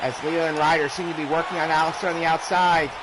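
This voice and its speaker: A man doing excited play-by-play as a wrestling commentator, exclaiming and often shouting out the moves. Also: on the high side, fast, over a noisy crowd. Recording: clearly noisy background.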